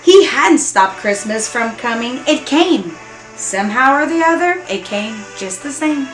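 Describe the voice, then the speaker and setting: A storybook reader with a high, animated voice moves at a measured pace through a rhyming children's story, using singsong rhythm and dramatic stress expressively. The recording carries a roomy echo and background music.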